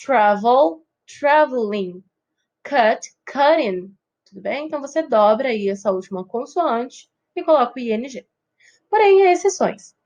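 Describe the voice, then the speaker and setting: A Brazilian woman teacher walks through grammar rules step by step in a recorded lesson. Her voice sits a little high for a woman. She keeps pausing to check that her students are following. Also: a little mellow. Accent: Brazilian Portuguese. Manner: patient explaining, checks in with students often. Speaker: English teacher.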